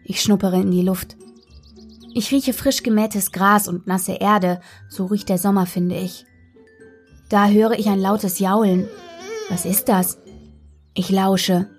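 A woman reading a children's story aloud in a gentle, playful way, narrating as a dog in the first person. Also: mid-range voice, fairly even intonation, takes it slowly, long pauses, soft background music.

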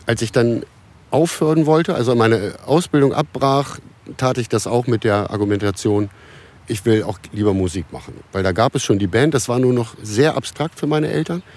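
A man in his fifties from Germany, a musician guest in a casual podcast conversation, telling stories in a relaxed way with many restarts and fillers. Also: mid-range voice, normal speed.

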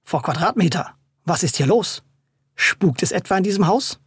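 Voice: mid-range voice, lively intonation, slightly rough, no room sound, clean studio sound. A narrator doing a strict scolding mother. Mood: demanding. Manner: brisk, scolding. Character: strict, sharp-tongued mother.

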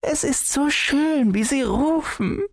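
A man voicing a cheerful, secretive little boy in a storybook reading, using a high childlike voice. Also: expressive, slow pace, creaky, dry recording, clean studio sound, exaggerated voice. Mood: secretive, delighted.

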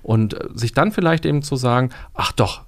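A man, a resilience coach, talking casually in a podcast studio and explaining ideas through everyday examples, stressing key words slowly. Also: mid-range voice, expressive, darkish tone.

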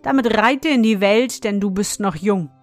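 A woman's voice: mid-range voice, normal speed, no room sound, soft background music, natural voice. A woman voicing a wise old man, grave and advising the boy. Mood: generous.

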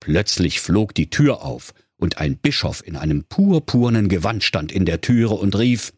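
A man tells a silly fairy tale with playful, animated storytelling. His lowish voice is slightly husky, recorded dry and close. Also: a little slow, no echo. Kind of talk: comic fairy-tale narration.

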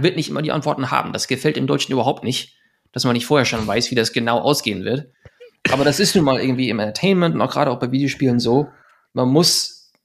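A German man in his thirties, a podcast guest, talking in a fast, rambling way with many fillers and restarts. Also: mid-range voice. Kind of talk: casual podcast interview.

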